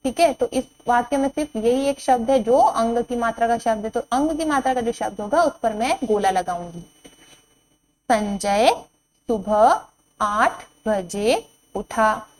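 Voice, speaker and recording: A woman teacher giving a board lesson to young children, reading each word out slowly and repeating it, then asking questions and answering them herself. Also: fairly high pitch, a little mellow, rough recording.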